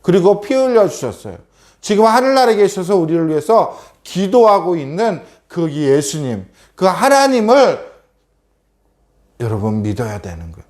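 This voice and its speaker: A man's voice: high-pitched, darkish tone. A man giving a children's sermon, telling a story and constantly asking the children questions. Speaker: children's preacher.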